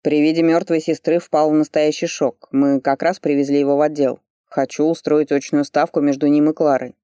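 A reader voicing a flustered male police chief who sounds startled and defensive, a little lower than the narration. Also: little pitch movement, a little fast, warm tone, smooth, no room sound, studio quality, lightly acted. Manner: startled, defensive, then sheepish. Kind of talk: audiobook character voice.

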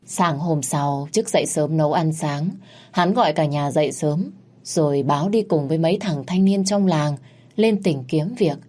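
Low-voiced woman storyteller. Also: moderate pace. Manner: calm, steady storytelling. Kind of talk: audio story narration.

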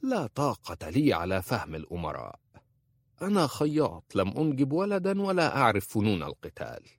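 A man's voice: mid-range voice, huge pitch swings, a little fast, vocal fry, no echo, clean studio sound, exaggerated voice. A man voicing a blunt, sardonic old male tailor in an audiobook. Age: older.

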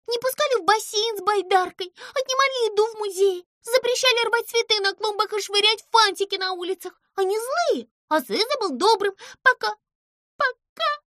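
Woman doing a squeaky weepy little mouse girl. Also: a bit bright, no echo, studio quality. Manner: squeaky, tearful, shrill outbursts. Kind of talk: audiobook character voice.

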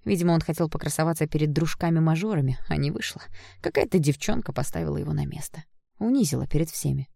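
A woman narrating a first-person audiobook in an expressive storytelling manner. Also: sits low, quick pace, vocal fry, no echo.

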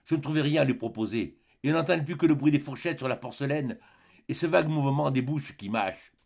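A man narrating a literary audiobook in measured, deliberate phrases with pauses. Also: medium pitch, vocal fry, darkish tone. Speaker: audiobook reader.

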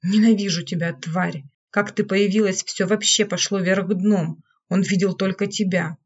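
A woman's voice: medium pitch, fairly even intonation, moderate pace, breathy edge, lightly acted. A woman reading an audiobook, voicing a hysterical, jealous woman servant who speaks in a bitter, accusing way. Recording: dull lo-fi recording.

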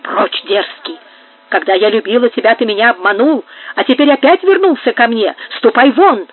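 Lady reader doing a panicked young woman screaming at her attacker, shrill and high, tinny phone-like sound. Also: normal speed, close to an everyday voice. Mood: frantic, hateful. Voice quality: shrill, high-strung cries. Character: terrified, furious young woman fighting off an attacker.

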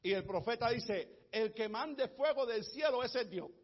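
A male preacher delivers a sermon in church, his voice sitting very high. He swings from hushed retelling to fervent, shouted declarations. The livestream audio is dull and muffled. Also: animated, measured pace. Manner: builds from low murmur to impassioned shouting.

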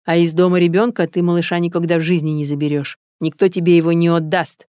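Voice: mid-range voice, flat delivery, fast, dark tone, clear, resonant tone, no echo, close to an everyday voice. Reader doing a bossy older village mom in an audiobook, stern and pushy, dead dry sound with no room at all. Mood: insistent. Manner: commanding, insistent. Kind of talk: audiobook character voice.

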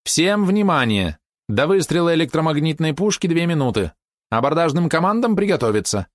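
Guy doing a shrill bossy ship ai lady, high and loud, dry close sound. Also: sing-song, fairly quick, dry recording. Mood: announcing. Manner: shrill, commanding announcements. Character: shrill female shipboard AI hologram, bossy.

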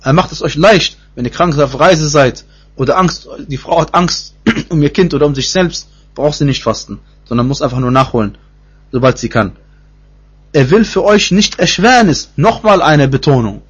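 Male religious teacher, husky voice, halting explanatory delivery full of restarts, dull lo-fi recording. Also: mid-range voice. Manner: repeats himself, many fillers and restarts. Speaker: Quran teacher. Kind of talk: spoken Quran commentary lesson.

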